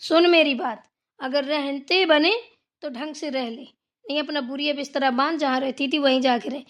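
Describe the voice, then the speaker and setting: A woman's voice: high-pitched, steady tone, normal speed, fairly bright tone. A woman voicing a bossy, irritable mother-in-law in a Hindi cartoon, scolding her daughter-in-law. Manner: scolding, bossy, repeats "theek hai na". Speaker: voice actor.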